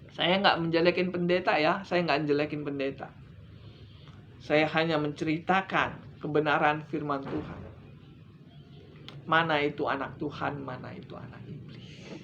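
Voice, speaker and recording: A middle-aged male evangelist delivering a sermon, pushing his voice up loud for emphasis and then sinking to low, hushed endings. The recording sounds a little dull and lo-fi, with a faint hiss behind him. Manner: emphatic, rising and dropping sharply for stress. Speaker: evangelist preacher.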